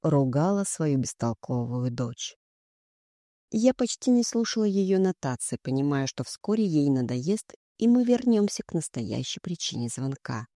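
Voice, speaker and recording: An audiobook reader tells a first-person story in measured, scripted narration. The tone is dark and mellow, and the recording is close and dry with no room sound. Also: mid-range voice, big pitch swings, no echo.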